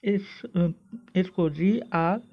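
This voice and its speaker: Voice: medium pitch, drawn-out words, muffled recording. A teacher with an Indian English accent gives a pronunciation lesson, explaining patiently with hesitant fillers and breaking words into syllables. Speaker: online teacher. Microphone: phone.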